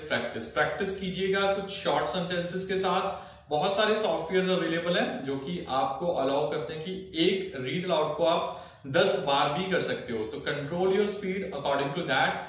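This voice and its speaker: A male tutor explains exam techniques in an instructive way, often repeating his points. His voice sits a little high and sounds heavily echoey, as if picked up from some distance in a bare room. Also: fairly bright tone. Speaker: exam prep teacher. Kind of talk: explanatory lesson, mixing Hindi with English phrases.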